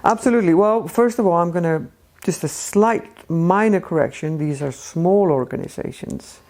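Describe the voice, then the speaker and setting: A woman in her fifties with an Icelandic accent, speaking as an interview guest in a measured way, with frequent ums and restarts. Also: lowish voice, a little mellow. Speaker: guest, Arctic policy expert. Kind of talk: casual interview talk.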